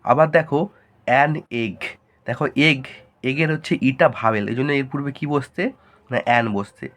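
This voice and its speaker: A man teaching a grammar lesson, asking questions and answering them himself in a lower voice. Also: brisk, a bit bright.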